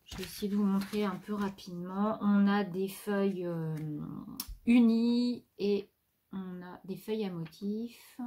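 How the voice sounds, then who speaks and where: A woman's voice: mid-range voice, moderate pace. Chatty French woman showing craft finds. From France. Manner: relaxed, chatty with fillers, addresses viewers directly. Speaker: crafting vlogger. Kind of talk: casual haul chat.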